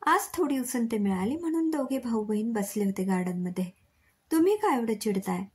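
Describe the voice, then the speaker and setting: A woman's voice: fairly high pitch, lively intonation, a little fast, a little mellow, husky. A woman doing a caring, coaxing mother. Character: caring middle-aged mother and wife. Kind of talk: storybook reading.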